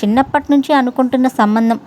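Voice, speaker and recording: An irritable middle-aged housewife nags her husband insistently, as a female storyteller puts her on. The voice sits a little high over a faint hiss. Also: fairly even intonation, quick pace, darkish tone, natural voice. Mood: irritated. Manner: insistent, nagging.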